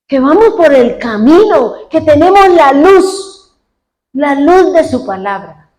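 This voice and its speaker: A woman's voice: sits high, big pitch swings, slow, a little mellow. A woman pastor preaching a fervent sermon, retelling what congregants said and praying aloud as she goes. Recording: echoey room.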